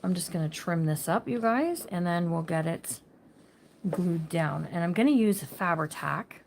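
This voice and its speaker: A woman's voice: fairly low pitch, expressive, unhurried, gravelly, a little hiss or hum. A woman hosting a casual craft livestream. She chats with viewers by name and thinks aloud while she works. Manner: says she talks loud.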